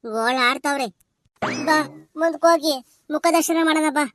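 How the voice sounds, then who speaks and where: A woman's voice: sits high, noisy background, lightly acted. A woman voicing a greedy, bloated old village grandmother in a cartoon, fussy and whiny. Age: older. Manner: fast, whiny rural chatter. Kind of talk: cartoon comedy voice acting.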